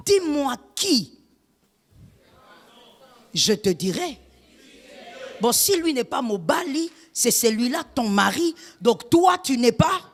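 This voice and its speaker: A woman pastor, preaching an emphatic sermon full of rhetorical questions, slipping in Lingala phrases and shouting at the high points. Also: big pitch swings, slow pace, long pauses, big-room sound.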